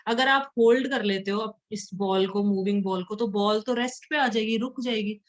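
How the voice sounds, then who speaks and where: A woman teacher explaining a science lesson in Hindi, reading English sentences slowly and carefully. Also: mid-range voice. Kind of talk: classroom lesson.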